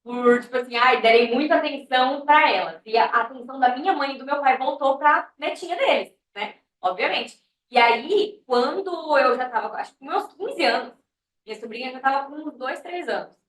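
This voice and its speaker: Young woman student, high voice, candid anecdote, heard from afar in an echoey room. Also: moderate pace, fairly bright tone. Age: 20s. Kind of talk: personal story in class. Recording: roomy class audio from far off.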